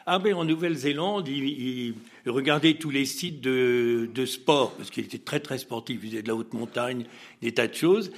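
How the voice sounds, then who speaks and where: A man with a husky, slightly rough voice tells an anecdote during an interview. He sits at an ordinary middle pitch and acts out the dialogue. He breaks into laughs and restarts his lines as he goes. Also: moderate pace. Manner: lively storyteller who acts out dialogue and laughs often; hesitant, with frequent restarts. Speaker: interview guest. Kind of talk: telling an anecdote in conversation.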